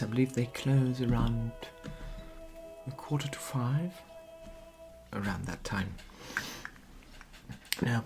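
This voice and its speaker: A performer in an ASMR role-play as a genteel period society lady, gossiping softly and confidingly at a tea parlour. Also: mid-range voice. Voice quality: soft-spoken.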